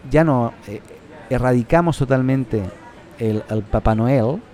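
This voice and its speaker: A man's voice: mid-range voice, a little slow, mellow. A man with a Catalan accent hosting a casual podcast, rambling and joking with lots of restarts. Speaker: podcast host.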